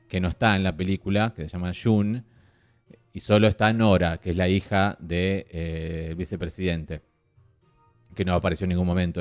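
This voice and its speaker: A man with a lower voice talks through a film in relaxed podcast banter. He is chatty and lively, with faint music under him. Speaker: podcast co-host. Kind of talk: casual film-review chat.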